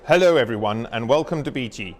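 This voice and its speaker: A man's voice: mid-range voice, expressive, brisk, noisy background. Male school principal, enthusiastic address, reverberant room. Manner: upbeat, enthusiastic promotional speech. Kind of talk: welcome address. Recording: long hall reverb.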